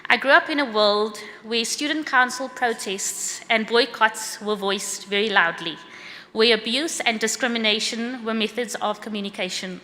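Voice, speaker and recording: A middle-aged woman with a South African accent presents her work at a conference in a brisk, earnest, partly read-out style. Her voice is bright and somewhat high. The sound carries a long hall reverb. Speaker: course creator presenting at a conference. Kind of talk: prepared conference talk.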